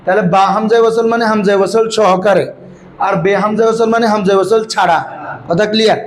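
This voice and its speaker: A man's voice: high voice, fairly even intonation, racing. A man teaching an Arabic grammar lesson to students, prompting them to repeat answers back in call-and-response style. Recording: echoey room with background noise.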